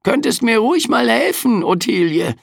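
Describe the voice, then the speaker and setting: A man's voice: very high voice, sing-song, moderate pace, gravelly, no echo, studio quality, voice pushed up, full character voice. Man doing a grumbling, overworked Grim Reaper. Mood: grumpy. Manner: grumbling, cheeky, tags questions with "hä". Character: grumpy overworked male Grim Reaper skeleton. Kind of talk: audiobook character voice.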